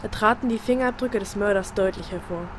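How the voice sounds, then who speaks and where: A woman's voice: mid-range voice, fast talker, background noise, close to an everyday voice. A woman playing a young girl in a radio play who reads a detective comic aloud dramatically and snaps at interruptions. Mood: reading. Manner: dramatic read-aloud, snappish asides.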